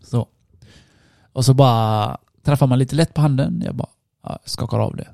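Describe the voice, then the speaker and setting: A man's voice: mid-range voice, creaky, darkish tone, no echo, clean studio sound. A worn-out man in casual chat, telling a story with lots of swearing. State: tired, worn out.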